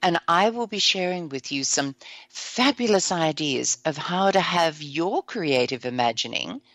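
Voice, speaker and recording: A woman hosting an upbeat self-help show, enthusiastic and a little croaky today, often whooping and laughing. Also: deep voice, animated, unhurried, a bit bright, no room sound. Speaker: host.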